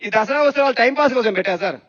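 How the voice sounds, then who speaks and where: High-voiced man giving a spiritual talk. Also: very fast. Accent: Telugu. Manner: lively, questioning, repeats phrases for emphasis. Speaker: spiritual speaker. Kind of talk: meditation discourse. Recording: dull lo-fi sound.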